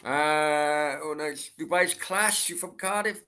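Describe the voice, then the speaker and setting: Bright-voiced sweary Welsh Valleys man. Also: a little high, slow, clear, resonant tone. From Merthyr, south Wales. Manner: sweary, rambling, repeats himself. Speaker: livestream host. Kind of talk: casual late-night football Q and A chat.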